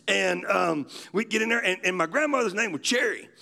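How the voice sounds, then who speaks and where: A man's voice: high voice, lively intonation, a little fast, vocal fry, sharp tone. A man, preaching a sermon in a folksy storytelling way. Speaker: pastor.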